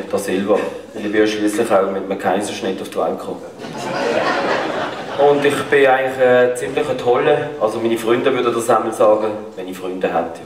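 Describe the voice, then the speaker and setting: A man playing a boastful, hapless Portuguese immigrant, delivering deadpan self-mocking one-liners on a carnival stage. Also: mid-range voice, close to an everyday voice. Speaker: comedian on stage. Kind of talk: carnival stand-up routine. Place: large carnival show hall. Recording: echoey hall, distant mic, crowd. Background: audience laughter.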